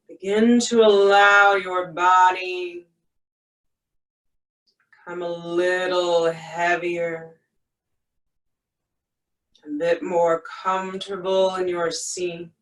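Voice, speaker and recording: A soothing yoga-teacher voice leading a guided meditation at an extremely slow pace, with long pauses between phrases. The pitch sits in a middle range, and the sound is roomy and set back from the microphone. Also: level tone, a bit bright. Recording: echoey room, distant from mic.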